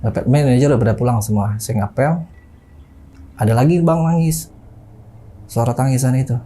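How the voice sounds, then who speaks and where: A man's voice: medium pitch, moderate pace, warm tone. A young man casually telling a personal ghost story in a chatty way, often calling his listener "Bang" and imitating the sounds he heard.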